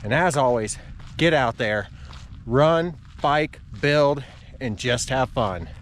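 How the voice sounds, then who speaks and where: A man's voice: mid-range voice, expressive, takes it slowly, a little hiss or hum. A man talking casually to his viewers while out running outdoors, recorded on an action camera he carries. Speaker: running vlogger. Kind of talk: casual vlog talk to viewers. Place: outdoors on a country road.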